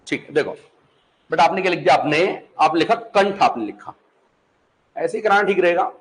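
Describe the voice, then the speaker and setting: A man's voice: a little high, animated, normal speed, low-quality recording. A man with a Pahari-influenced Hindi accent teaching a class in a classroom, patient and chatty, often repeating his questions back to the students and checking that they follow. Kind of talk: classroom lecture.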